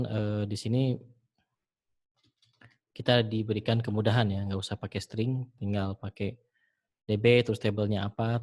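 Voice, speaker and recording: A man teaching programming in a screen-recorded tutorial, talking the viewer through each step in a relaxed way with frequent fillers. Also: lowish voice. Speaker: programming instructor.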